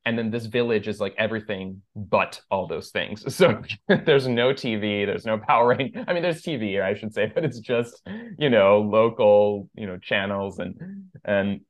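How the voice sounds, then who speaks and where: Speaking at a normal speed in a lowish voice, this podcast guest is a man in his thirties from the United States who grew up between two countries and speaks Persian natively. His casual interview talk wanders, packed with fillers and false starts.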